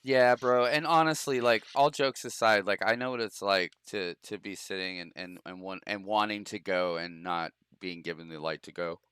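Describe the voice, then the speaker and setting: Young male streamer, crisp bright voice, loose and profane, laughs often, dry close mic. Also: low-pitched, moderate pace, few pauses, no echo. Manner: loose, profane, laughs a lot, bro talk. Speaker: streamer hosting a game show. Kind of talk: casual gaming stream chat.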